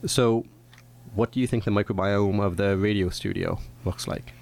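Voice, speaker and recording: A man's voice: lowish voice, fairly even intonation, normal speed, vocal fry, a little mellow. A man co-hosting a science radio show, chatting in casual, lightly scripted banter from a studio.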